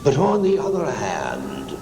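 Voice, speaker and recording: Ghoulish TV horror host, dramatic swooping pitch, slow drawn-out words, sinister relish, echoey vintage sound. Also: male voice, huge pitch swings, warm tone, slight background noise. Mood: macabre relish. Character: gleefully macabre male ghoul horror host. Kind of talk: theatrical TV horror-host monologue.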